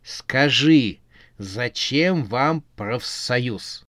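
A man voicing an irritable, sharp-tongued young witch who scolds and retorts in exasperation. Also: mid-range voice, expressive, drawn-out words, no room sound, studio quality. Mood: exasperated.

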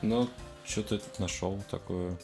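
A man's voice: deep voice, flat delivery, unhurried, vocal fry, a little mellow, faint music behind. A young adult man co-hosting a podcast, chatting casually and reading aloud in an informal, joking way. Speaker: podcast co-host.

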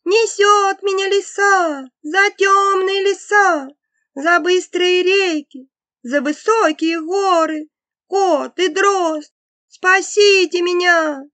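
A woman voicing a little male rooster from a folk tale, calling out in loud, frightened, drawn-out cries. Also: fairly high pitch, very animated, no echo, full character voice. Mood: frightened pleading.

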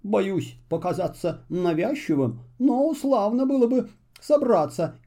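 A man voicing a polite, shy and lonely little male traveler in a children's story, speaking slowly and courteously. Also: sits high, expressive, warm tone, pitched above the performer's own voice, exaggerated voice. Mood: polite, gentle. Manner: slow, courteous and hesitant.

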